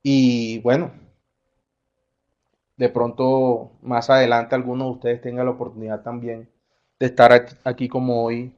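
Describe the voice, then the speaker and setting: A man's voice: medium pitch, flat delivery, moderate pace, long pauses, darkish tone. A middle-aged man from the Colombian Caribbean coast with a coastal accent, giving a conference talk in a conversational way, full of fillers and self-corrections. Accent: Colombian coastal Spanish. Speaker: conference speaker. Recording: slightly dull lo-fi sound.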